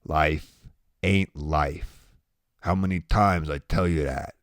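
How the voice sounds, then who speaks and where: A man voicing an irritable, scornful tough guy in an audiobook story, with gruff, slangy commands. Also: rumbling low, steady tone, slow pace, no room sound, studio quality, voice pushed down.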